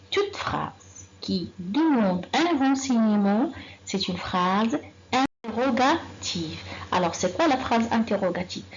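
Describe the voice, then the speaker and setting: A woman teaching a grammar lesson to young children, slow and patient, repeating sentences and quizzing the class. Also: medium pitch, highs cut off, a little hiss or hum. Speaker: primary school teacher.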